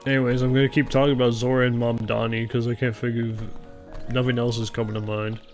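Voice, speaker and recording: Guy doing chill game stream commentary, middle pitched voice, music in the background. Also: level tone, fast. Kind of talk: casual gameplay commentary, reading dialogue aloud. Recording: music behind the voice.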